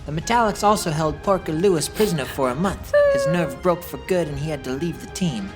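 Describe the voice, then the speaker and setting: A woman voices a cocky young cartoon hedgehog hero telling his own backstory. The voice is on the low side, casual and wry, with prominent music playing underneath. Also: fairly quick, lightly acted. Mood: matter-of-fact. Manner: casual, wry storytelling asides. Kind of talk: scripted comic dub narration.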